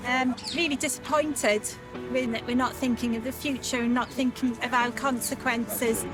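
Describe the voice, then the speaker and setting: High-pitched dismayed woman, distant mic. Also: steady tone, normal speed, over music. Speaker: clean-up volunteer. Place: outdoors by a river.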